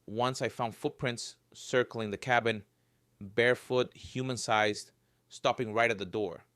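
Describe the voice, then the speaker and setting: A man's voice: mid-range voice, steady tone, measured pace, a bit bright, dry recording, clean studio sound. A man telling a scripted first-person horror story with a wry, joking edge. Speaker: narrator.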